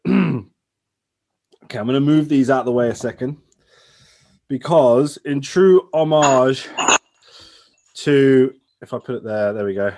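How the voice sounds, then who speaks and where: A man chatting casually as the host and interviewer. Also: a little high. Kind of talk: casual chat.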